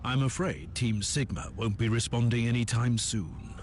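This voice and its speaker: An actor playing an imperious, self-assured inquisitor in a video game. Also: male voice, mid-range voice, steady tone, normal speed, close to an everyday voice. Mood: haughty. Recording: noisy game ambience.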